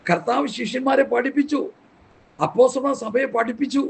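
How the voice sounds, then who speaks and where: Male preacher, high voice, gravelly, scolding rhetorical questions. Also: fairly quick. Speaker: pastor. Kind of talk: Bible study sermon.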